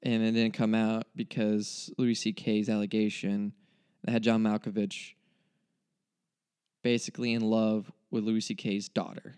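A man's voice: lowish voice, level tone, measured pace, darkish tone, clean tone. A young man giving a casual spoken movie review, rambling and cutting himself off, with mock-dramatic despair.

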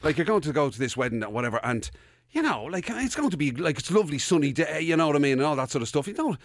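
An Irish man co-hosting a casual chat, telling animated anecdotes and swearing. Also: fairly high pitch, fast, no echo, clean studio sound. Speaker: podcast co-host.

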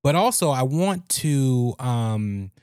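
A man's voice: mid-range voice, big pitch swings, slow pace, a little mellow, smooth, dry recording, clean studio sound. A man hosting a podcast, introducing things in a casual, conversational way. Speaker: podcast host.

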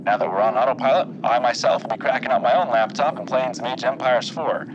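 A man playing an airline captain who makes a relaxed, unhurried announcement to the passengers in the cabin. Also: mid-range voice, dull audio, background noise, lightly acted. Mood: calm.

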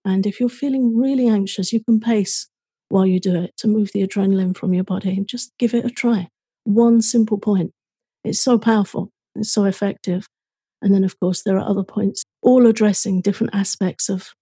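A woman co-hosting a podcast, giving calm self-help advice in a conversational way. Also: medium pitch, moderate pace, husky, no room sound. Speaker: podcast co-host.

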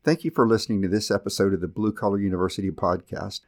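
A male podcast host giving a scripted narration in a measured storytelling manner. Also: lowish voice, steady tone, darkish tone.

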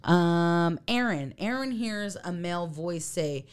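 A woman's voice: fairly low pitch, slow, clean tone. A woman co-hosting a podcast, chatting casually and animatedly while reviewing a TV episode. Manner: chatty and animated, fillers and laughs. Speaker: podcast co-host.

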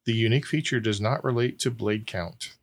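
A man's voice: on the low side, brisk, noisy background. A man hosting a casual quiz podcast, reading questions to friends and often breaking into laughter. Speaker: quiz host.

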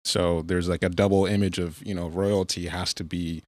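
A man's voice: low voice, flat delivery, moderate pace, darkish tone, no echo. A man co-hosting a casual podcast discussion, explaining ideas analytically with a wry, joking edge. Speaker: podcast co-host.

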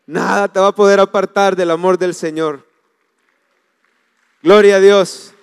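A man preaching a sermon as pastor, swinging from hushed asides to loud, animated appeals. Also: sits high, measured pace, smooth. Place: church. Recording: hall reverb.

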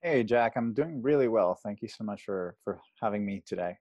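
A man's voice: lowish voice, animated, moderate pace, a little mellow, dry recording. A man in his thirties from Venezuela, a guest telling his story on a video call from home, hesitant with many fillers. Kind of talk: casual interview storytelling. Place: home, indoors.

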